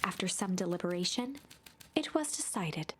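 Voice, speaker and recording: A woman narrating a story game in a scripted storybook style, sometimes dropping to a hushed whisper. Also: on the low side, lively intonation, normal speed, a little hiss or hum. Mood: calm. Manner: drops to a hushed whisper for tense passages. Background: game music.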